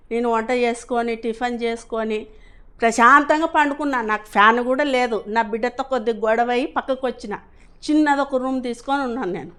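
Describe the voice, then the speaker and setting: A middle-aged woman tells her own story in a rambling, earnest way. Her voice sits high and comes through smooth and clear. It sounds like a class attendee giving a heartfelt testimonial. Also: fairly bright tone. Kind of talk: personal testimonial.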